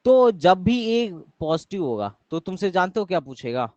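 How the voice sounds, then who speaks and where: A man's voice: sits high, sing-song, normal speed, a little mellow, dry recording, highs cut off. A young man teaching math in a live online class, often quizzing his students and repeating his questions. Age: young adult.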